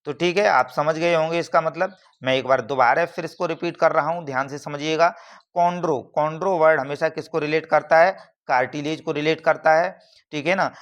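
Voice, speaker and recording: A man's voice: a little high, fairly bright tone. A man teaching biology for exam prep over slides, repeating each term and quizzing listeners as he goes. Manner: repeats terms and asks the class questions; frequent "theek hai na" checks.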